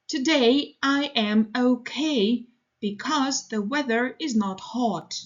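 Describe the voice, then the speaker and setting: A woman teaching English, reading model sentences for learners in a slow, deliberate, evenly paced way. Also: on the high side, dull audio.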